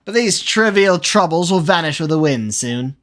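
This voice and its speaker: A woman's voice: sits low, animated, normal speed. A cold, scheming villain spirit, played by a woman, speaks haughtily and with menace. Its words drip with scorn in this game reading. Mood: scornful.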